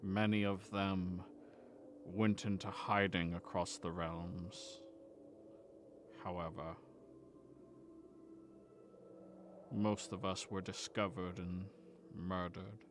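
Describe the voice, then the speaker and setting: A man voicing a creepy, lanky, quietly friendly last survivor of a dead race in a tabletop game, soft-spoken and deliberate, with phlegm in his throat. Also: deep voice, fairly even intonation, background noise. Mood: grave.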